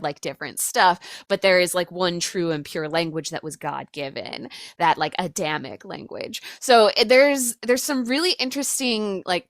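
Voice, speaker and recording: A woman with a slightly low voice co-hosts a casual podcast, rambling loosely and leaning on "like" fillers. Her voice is recorded dry and close, with no room sound. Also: fairly bright tone, no room sound. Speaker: podcast co-host.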